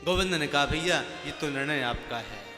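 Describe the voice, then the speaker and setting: A man's voice: a little high, expressive, normal speed, pushed and bright, faint music behind. Dramatic male preacher in an echoey hall. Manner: dramatic, voices the characters, sometimes chants Sanskrit verses.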